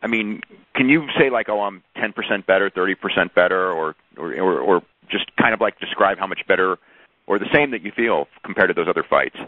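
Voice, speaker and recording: A man's voice: low-pitched, animated, a little fast, no echo. A male sports reporter asking wordy, stumbling questions on a press conference call over the telephone. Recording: narrow, muffled telephone line.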